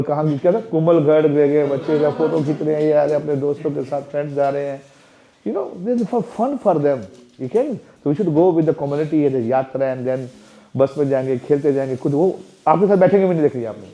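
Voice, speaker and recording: A man's voice: fairly high pitch, normal speed, mellow. A man who is a temple president giving an interactive spiritual talk to parents, often asking the audience questions in a playful, chatty way. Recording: dull lo-fi recording.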